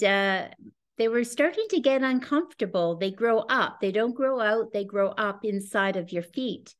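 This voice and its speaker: A woman in her sixties giving an earnest, enthusiastic webinar presentation over a video call from home. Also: medium pitch. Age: 60s. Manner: earnest, enthusiastic, personal testimonial. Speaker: presenter of a business opportunity. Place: home room with a scenic backdrop, indoors. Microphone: video call webcam.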